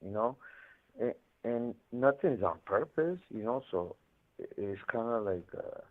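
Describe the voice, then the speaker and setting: Over a muffled phone line from prison, a man recounts his life in loose, rambling stories full of slang and swearing. He has a mid-range voice with lively intonation and speaks a little slowly.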